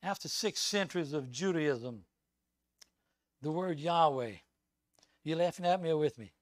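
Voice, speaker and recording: A male guest preacher delivering an emphatic, animated sermon full of asides and repetitions. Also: a little high, measured pace, dry recording.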